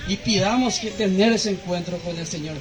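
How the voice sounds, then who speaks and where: A man's voice: high-pitched, moderate pace, poor audio. A man preaching a sermon as pastor, often turning to address the congregation directly. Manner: preaching with repeated appeals to the congregation.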